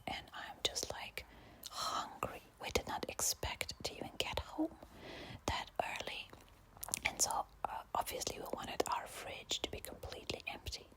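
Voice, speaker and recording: A woman whispering quietly, as if at night, telling a casual, sweary, exasperated personal story in ASMR style. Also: a little slow, low-quality recording. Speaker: storyteller sharing a personal anecdote.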